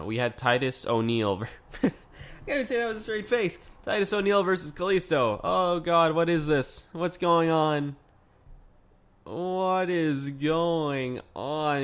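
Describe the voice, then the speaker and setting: A man hosting a podcast, talking through a casual solo review in a chatty, excitable way with lots of fillers. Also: medium pitch. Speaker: podcast host.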